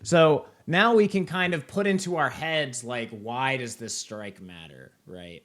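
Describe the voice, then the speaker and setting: A man's voice: mid-range voice, unhurried, fairly bright tone. A young man hosting a live trading session, walking through a platform in a casual way, with many fillers and tag questions. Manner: casual, filler-heavy, keeps asking "right?" and "okay?". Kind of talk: live screen-share walkthrough.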